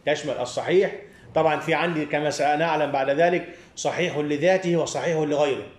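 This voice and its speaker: A man's voice: on the high side, fairly even intonation, fast, echoey room. A man with an Egyptian accent teaching a hadith studies class, leaving sentences open so his students can finish them. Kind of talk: classroom lecture with call-and-response.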